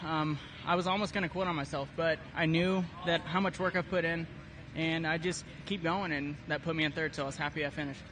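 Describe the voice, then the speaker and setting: Candid male racer, slightly high voice. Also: fairly even intonation, brisk. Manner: candid, matter-of-fact. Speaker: racer being interviewed. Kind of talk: casual post-race interview. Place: outdoors at a race track. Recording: clear outdoor vehicle and ambience noise.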